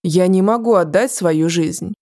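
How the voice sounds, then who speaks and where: Lady reading a grim fairy king, short clipped lines, mellow voice. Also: lowish voice, unhurried. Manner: grim, curt, through gritted teeth.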